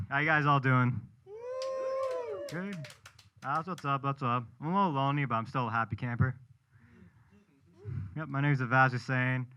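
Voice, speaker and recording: A man's voice: mid-range voice, dull audio, noisy background. A young man from New Hampshire doing a self-deprecating stand-up set at a live show. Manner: self-deprecating, punchline delivery. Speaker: stand-up comedian. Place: live comedy show with audience.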